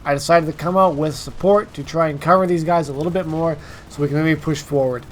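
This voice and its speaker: A man's voice: a little high, fairly even intonation, brisk, a little hiss or hum. A man with a congested, stuffed-up nasal voice from allergies, hosting informal, emphatic gameplay commentary straight to his viewers. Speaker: gaming video host.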